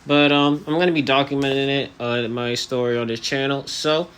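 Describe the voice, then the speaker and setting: A man's voice: mid-range voice, fairly even intonation, normal speed, fairly bright tone, clear, resonant tone. An eighteen-year-old man talking earnestly in a personal vlog, with hesitant phrasing and articulation slightly restricted by elastics on his jaw. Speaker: vlogger. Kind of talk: personal vlog monologue to camera.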